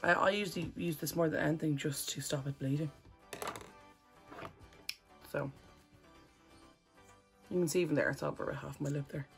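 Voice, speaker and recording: A woman's voice: low-pitched, moderate pace, vocal fry, pauses often, music in the background. A woman chatting casually through a makeup tutorial as a vlogger, rambling and correcting herself as she goes.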